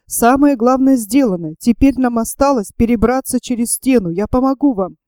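A brave young man sneaks a companion out in the dark and speaks in quick, hushed urgings, as a woman reads him in a storybook. His voice sits in a dark, mellow register. The sound is close and dry. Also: a little high, no room sound, lightly acted. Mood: hushed urgent. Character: bold young man leading a night escape.

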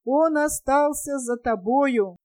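A woman voicing a loud, rough male beggar king who bawls like an auctioneer. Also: sits high, slow, no room sound. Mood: mocking. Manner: bawling, auctioneer-like.

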